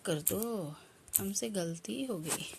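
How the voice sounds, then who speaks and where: A woman's voice: medium pitch, slow pace, vocal fry, slight background noise. A woman voicing a cheeky young male brother-in-law in a comic family skit, teasing and then pleading.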